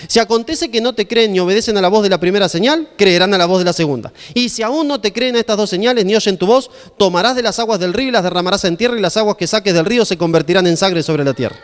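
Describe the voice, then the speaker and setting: A man with an Argentine Spanish accent voicing God in a sermon, calm and firm with a light touch of humor. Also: high-pitched, fast, few pauses, long reverb tail. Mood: commanding. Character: God as a patient, firm male voice.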